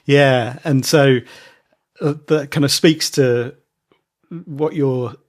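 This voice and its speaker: A man hosting a podcast interview, giving soft backchannels and asking hesitant questions. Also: mid-range voice, steady tone, slow. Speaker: podcast host.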